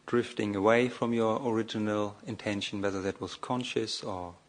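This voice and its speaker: In this guided meditation, a monk improvises in brief, measured phrases, leaving long and hesitant silences between them. He speaks in a lowish voice with fairly even intonation.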